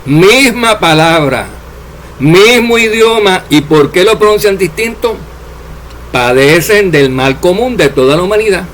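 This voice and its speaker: A man preaching a sermon, addressing his listeners directly and letting his voice drop low and soft at the ends of phrases. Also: a little hiss or hum. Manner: addresses listeners as dear servants, drops voice at endings.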